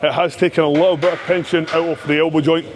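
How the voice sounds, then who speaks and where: Male gym bro host, fairly high pitch, casual matey coaching talk, some music underneath. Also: level tone, fast.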